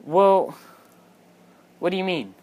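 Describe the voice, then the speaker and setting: A player chatting excitedly and incredulously during a hide-and-seek game. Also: mid-range voice, takes it slowly, phone-quality sound. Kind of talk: casual gaming chat. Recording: noisy home capture with clicks.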